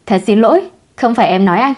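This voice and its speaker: Woman doing a young pregnant wife, soft and pouty, a bit higher, warm husky tone. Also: expressive, quick pace. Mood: gentle.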